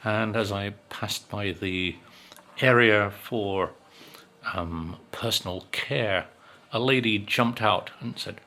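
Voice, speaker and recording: A man's voice: fairly low pitch, slow, sharp tone. A man in his sixties chatting casually to camera as a vlogger, rambling and wry with lots of ums. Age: 60s.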